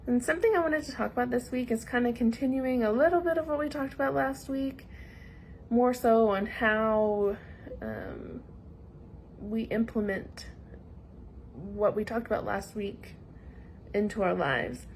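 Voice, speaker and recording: A woman with a Southern US accent preaching a sermon in a measured, earnest way with pauses. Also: a little high, a little hiss or hum, low-quality recording.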